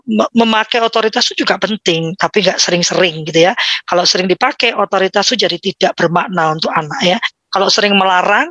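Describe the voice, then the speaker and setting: A woman in her fifties giving an informal talk on parenting, lively and acting out the voices of children and parents. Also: medium pitch, dry recording. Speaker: parenting speaker.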